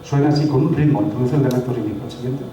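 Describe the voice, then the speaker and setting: A man's voice: medium pitch, rapid-fire, dark tone, a little hiss or hum. Man, lecturer, conversational with rhetorical questions, very echoey hall, distant mic. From Spain. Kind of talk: academic lecture. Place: municipal hall.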